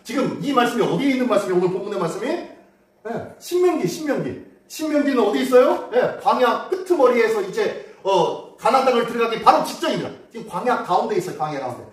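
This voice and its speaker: A male pastor preaching a Sunday sermon, telling the story in a lively way and asking the congregation questions. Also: very high-pitched, fast talker, far from the mic. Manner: animated storytelling, acts out quotes and asks the congregation questions. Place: church sanctuary. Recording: very echoey hall, voice from afar.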